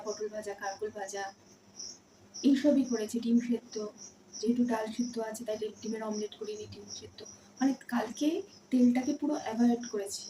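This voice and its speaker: A woman chatting casually in a home vlog, rambling and speaking softly because others are asleep. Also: fairly high pitch, a little hiss or hum, low-quality recording. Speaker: vlogger.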